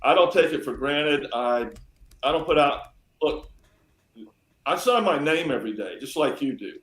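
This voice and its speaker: A man with a slightly raised pitch, speaking earnestly as a cartoonist in casual conversation. His voice carries a roomy echo, as if the mic picks up the walls around him. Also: expressive, normal speed, a bit bright. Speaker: editorial cartoonist. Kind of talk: casual chat.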